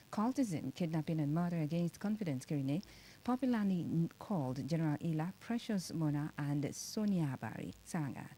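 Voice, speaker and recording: A woman with a Nigerian accent reading a scripted radio news bulletin in a formal, deliberate manner. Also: sits low, mellow, poor audio. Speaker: radio newsreader.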